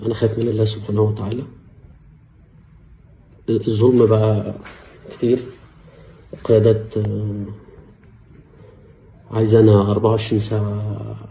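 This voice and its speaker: A man with an Egyptian Arabic accent giving a personal video statement as a former security officer, earnest and halting, with frequent hesitations and a grave religious tone. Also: on the low side, mellow, slight background noise.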